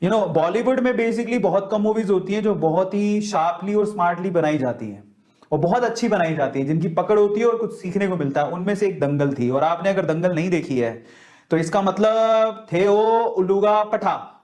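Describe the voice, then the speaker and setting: A man's voice: high-pitched, animated, fairly quick, darkish tone, roomy sound. A young Indian man with a Punjabi-tinged accent giving a casual motivational session, switching freely between Hindi and English and slipping into Rajasthani and Haryanvi dialect. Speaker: motivational speaker.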